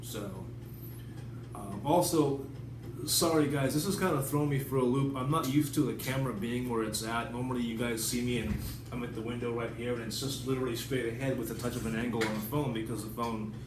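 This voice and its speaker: On his own video channel, a writer vlogs casually and unscripted from his apartment, rambling and blunt with a mid-pitched, steady voice at a brisk pace. The tablet camera sits at a distance, so he sounds far off in an echoey room with clear noise behind him.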